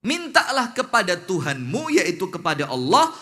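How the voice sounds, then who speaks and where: A man's voice: sits high, huge pitch swings, normal speed, heavily acted. A man with a Javanese accent voicing a blunt, pushy male Bedouin villager in a sermon story, talking without manners. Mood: grumbling pleading. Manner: blunt, loud, unmannered demanding.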